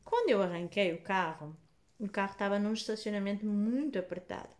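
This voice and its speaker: Woman, European Portuguese accent, casual storytelling, animated, mid-pitched voice. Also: a little fast. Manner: animated, acts out dialogue in lowered voices.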